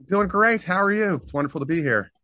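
A middle-aged Canadian singer-songwriter reflects on his past in a relaxed interview, using fillers and restarting sentences. His voice sits high and moves at a quick pace, with no room sound.

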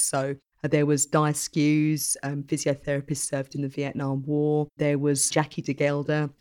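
A woman's voice: deep voice, darkish tone. Female interviewee, middle-aged. Reflective, sincere conversational delivery with weighted repetition. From Essex, England. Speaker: podcast guest, journalist and army reservist.

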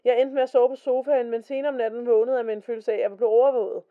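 A woman's voice: a little high, fairly even intonation. Chatty woman on a lo-fi podcast. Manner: chatty, reads quotes in a slower voice. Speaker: podcast co-host. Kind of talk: casual podcast chat, reading stories aloud. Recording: dull lo-fi podcast recording.

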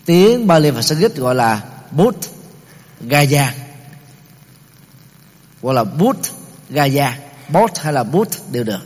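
A middle-aged man giving a Buddhist teaching talk, explaining terms step by step, pausing often and using many fillers. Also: mid-range voice, expressive, darkish tone. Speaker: Buddhist lecturer. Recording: long reverb of a large hall.

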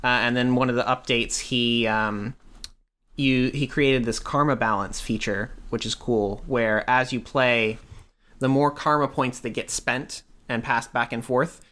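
A man's voice: mid-range voice, measured pace. Laid-back male game master. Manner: relaxed, hesitant, full of fillers. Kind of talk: narrating a tabletop game.

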